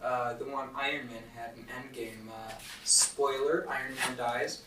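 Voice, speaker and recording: A man's voice: mid-range voice, fairly even intonation. A teenage boy joins his friends' podcast, firing off teasing quips and jokes. He sits back from the mic, so he sounds distant in an echoey room. A faint hum sits behind him. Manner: joking, teasing, quick quips. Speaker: podcast co-host. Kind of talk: casual chat among friends.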